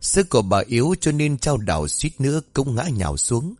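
A man narrating a ghost story in a steady, dramatic storytelling voice. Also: mid-range voice, moderate pace, no room sound. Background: faint music.

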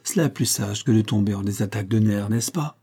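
A man reading an audiobook, voicing a young sick woman with a gentle, eager, pleading manner. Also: fairly quick, husky. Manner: pleading, raised pitch.

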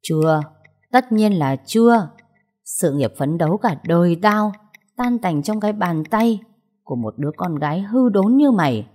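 A woman reading a story aloud, voicing a furious older male official who shouts and scolds his grown daughter. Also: fairly low pitch, animated, moderate pace. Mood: furious scolding. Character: furious older male vice chairman, domineering father.

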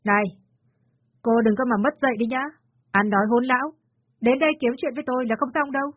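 Lady doing a nasty old mother-in-law, shrill and scornful, high-ish voice, muffled dry audio. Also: fast talker, natural voice. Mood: scornful scolding. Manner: shrill, scornful, shouting abuse. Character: spiteful scolding older mother-in-law. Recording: dull lo-fi dry recording.

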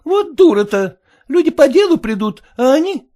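A reader playing a merchant's wife, middle-aged, fretful, scolding, very high, lively voice. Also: female voice, normal speed. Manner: shrill, scolding, fussing.

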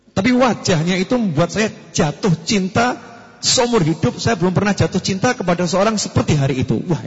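Lively preacher in a hall. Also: male voice, mid-range voice. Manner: lively, acts out quotes, shifts between soft and emphatic. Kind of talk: sermon. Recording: echoey hall, dull lo-fi sound.

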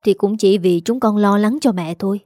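A dutiful middle-aged son, earnest and pleading as he frets over his mother, voiced by a woman reading the story. The tone is warm and soft, in a dry, close sound. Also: medium pitch, normal speed, dry recording, natural voice. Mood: anxious.

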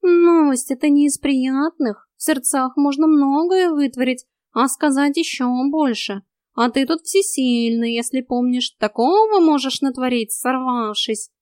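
A woman's voice: sits high, a little slow, darkish tone, dry recording, clean studio sound, voice pushed up. A woman voicing a cheeky male talking cat who teases like a bossy fitness coach in an audiobook. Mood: cautious. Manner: teasing, bossy drill-instructor banter. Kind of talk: audiobook character voice.

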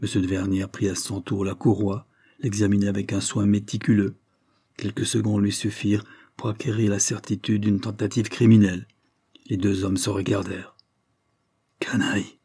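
A man narrating a classic novel as an audiobook, in a steady, measured reading. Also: fairly low pitch, slightly rough, dry recording, clean studio sound.

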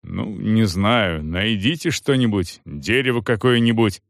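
A man voicing a stern, weary medieval soldier who gives curt, unhurried commands. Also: fairly low pitch, lively intonation, gravelly, no room sound, clean studio sound.

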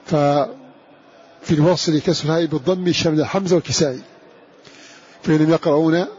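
A man giving a religious lesson on Quran readings, quoting lines of verse and reciting examples slowly and carefully. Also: on the high side, a little mellow, breathy edge, muffled recording.

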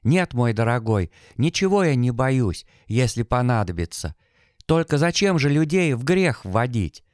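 A man reading an audiobook, voicing a gentle, fatalistic young village woman in an earnest, pleading manner. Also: medium pitch, big pitch swings, measured pace, dry recording, clean studio sound.

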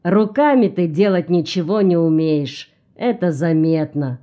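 A woman's voice: on the low side, a little slow, dark tone, lo-fi sound, lightly acted. A woman voicing a cold, mocking man. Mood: sardonic. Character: mocking scarred older man, cold and probing.

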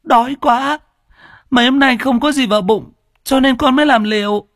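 A man's voice: extremely high pitch, moderate pace, a bit bright, no echo, studio quality, voice pushed up. A man voicing a frightened, starving little peasant girl who stammers and begs through tears. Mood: pleading. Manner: tearful, begging, stammering.

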